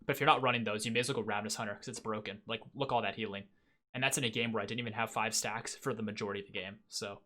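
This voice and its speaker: A man's voice: on the low side, steady tone, rapid-fire, bright, forceful tone. A young man hosting a gaming channel, chatting casually and self-critically through a post-game review with lots of fillers. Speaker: gaming video host.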